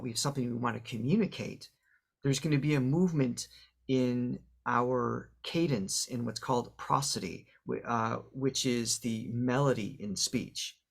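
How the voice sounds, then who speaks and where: Gravelly-voiced man explaining how voices work. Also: medium pitch. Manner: teaching, explains with examples and fillers. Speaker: voice coach guest. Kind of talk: explanatory podcast interview.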